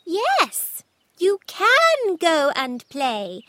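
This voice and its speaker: Brief: woman putting on a sing-song scolding mum, bouncy and slow, dry sound. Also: very high-pitched, wildly swooping pitch, pushed and bright, dry recording, pitched above the performer's own voice, heavily acted. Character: stern mother warning her little son. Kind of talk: storybook read-aloud.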